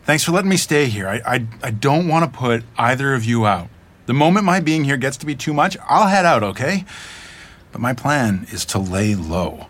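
A man's voice: mid-range voice, big pitch swings, normal speed, fairly bright tone. An actor playing a flashy young pop star who is sheepish and defensive when visiting his parents, in an audio drama.

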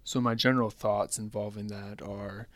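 A man's voice: on the low side, flat delivery, normal speed, no echo. A man in casual podcast chat, talking in a wry, rambling way and laughing often. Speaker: podcast co-host.

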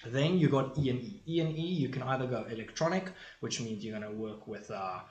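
Young South African man, mid pitch, joky rambling podcast talk in a roomy echo. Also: a little fast, dull audio, a crowd in the background. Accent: South African English. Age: young adult. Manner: rambling, jokey, swears freely. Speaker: podcast guest. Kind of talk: casual podcast chat.

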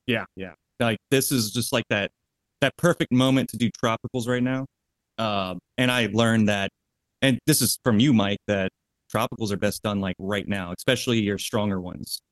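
Co-host, male, lower pitch, rambling casual delivery, dry close mic. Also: steady tone, normal speed, no room sound. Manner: chatty, filler-heavy, lots of "like". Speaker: podcast co-host. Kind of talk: casual podcast chat.

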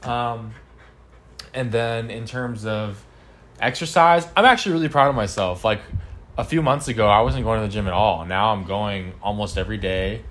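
A man's voice: on the low side, moderate pace, fairly bright tone. A man in his twenties answering interview questions at home, hesitant, with many ums and restarts. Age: 20s. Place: home apartment.

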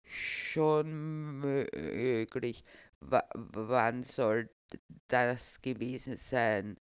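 A man voicing a young man who fakes a frail old man, with a croaky, trembling voice, slow and stammering. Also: medium pitch, no room sound, highs cut off. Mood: deadpan. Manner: slow, halting, stammering, deadpan.

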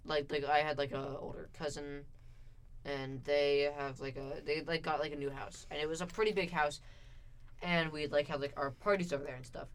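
Rambling, slightly high-voiced young man. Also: steady tone, moderate pace, clean tone. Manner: rambling, full of fillers like "like" and "uh". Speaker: podcast co-host. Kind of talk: casual chat.

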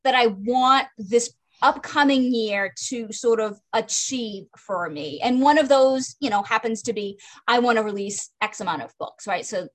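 A woman's voice: fairly high pitch, a little slow. A woman author with a light Maine accent, hosting a casual chat with frequent agreeing fillers. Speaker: podcast host, author.

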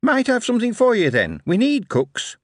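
A man voicing a brisk young male railway recruiter who talks in cheery slang. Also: very high voice, huge pitch swings, dry recording, clean studio sound, pitched above the performer's own voice, heavily acted.

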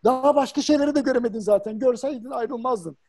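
A man voicing a clingy, dramatic young woman being dumped, in a comic sketch, shrill and accusing. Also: quick pace, darkish tone. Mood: pleading.

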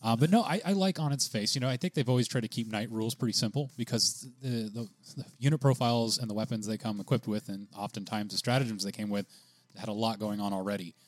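Chatty low-voiced male co-host. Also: fast, no echo. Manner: chatty, laughs often, reads rules aloud. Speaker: podcast co-host. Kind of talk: casual gaming chat.

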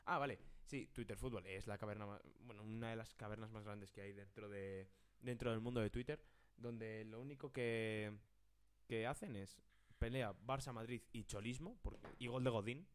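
A man's voice: fairly low pitch, moderate pace, clean tone. A man, co-hosting a podcast in loose, joking banter with laughs and swearing. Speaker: podcast co-host. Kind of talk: casual banter.

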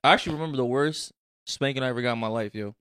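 Young man, slangy and profane, casual podcast storytelling, medium pitch, dry recording. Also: rapid-fire, fairly bright tone, smooth, dry recording. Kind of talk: casual chat, storytelling among friends.

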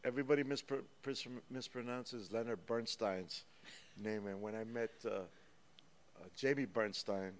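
A male guest musician speaking in a casual studio interview. He has a middle-pitched voice and tells his stories with lively energy, sometimes counting out rhythms aloud. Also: measured pace, slight background noise. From United States. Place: small recording studio. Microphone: studio microphone.

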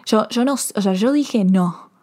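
A woman's voice: mid-range voice, measured pace. Rambling Argentine woman reviewing an episode. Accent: Argentine Spanish. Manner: rambling, heavy on fillers and restarts; excitable, emotional. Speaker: TV series reviewer.

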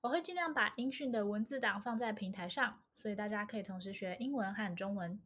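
A woman's voice: medium pitch, fast, a bit bright. Young woman with a Taiwanese accent. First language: Mandarin. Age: young adult. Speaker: channel host. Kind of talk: scripted channel introduction.

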